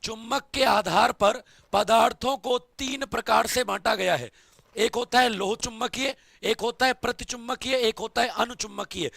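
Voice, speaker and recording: Casting: male tutor, high raspy voice that cracks at speed, dry close sound, keeps quizzing his students. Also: fairly bright tone, no echo. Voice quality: voice cracks when speaking fast. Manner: repetitive quizzing, calls students "beta" and "babu". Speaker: science teacher. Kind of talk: online exam-prep lecture.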